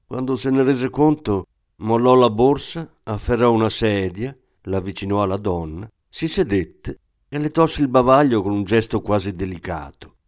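A man's voice: fairly low pitch, normal speed. Man reading a novel aloud. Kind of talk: audiobook narration.

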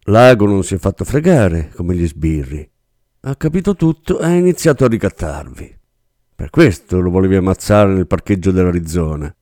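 A probing investigator keeps pressing with his questions, as a man reads him. His pitch moves widely, and the sound is dry and close. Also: sing-song, moderate pace, mellow, no room sound.

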